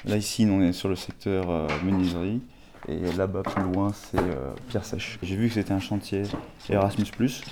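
A man's voice: deep voice, steady tone, moderate pace, heavy background noise. A man of twenty-two, a student volunteer, answering interview questions casually with many fillers and restarts at a work site. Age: 20s.

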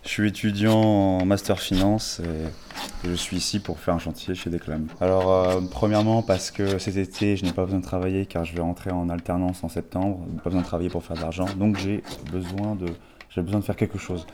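Hesitant young man with a low voice. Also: steady tone, fairly quick, background noise. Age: 20s. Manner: hesitant, many restarts and fillers. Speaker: student volunteer. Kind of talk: casual interview answers. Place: volunteer work site.

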